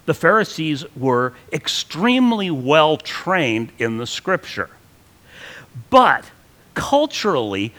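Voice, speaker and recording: A man preaching a sermon in a conversational, lively teaching manner, often restarting his phrases. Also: medium pitch. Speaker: pastor.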